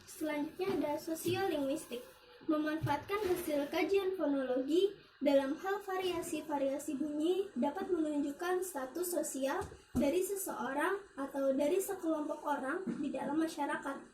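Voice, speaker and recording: Young woman reciting a lecture, high voice. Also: moderate pace. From Indonesia. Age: young adult. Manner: orderly, enumerating points one by one. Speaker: university student presenting coursework. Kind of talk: recited academic presentation. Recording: echoey room, distant mic, faint hiss.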